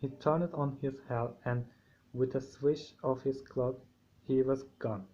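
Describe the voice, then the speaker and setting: A man with a sore throat reading a novel aloud, halting, with frequent restarts and slips. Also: medium pitch, steady tone, dark tone. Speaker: amateur audiobook reader. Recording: dull lo-fi home recording.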